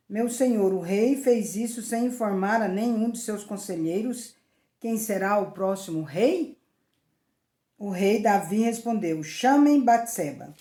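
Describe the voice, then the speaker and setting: A woman missionary reading the daily Bible passage aloud in a measured, expressive way, sometimes correcting herself mid-word. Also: medium pitch. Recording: roomy echo.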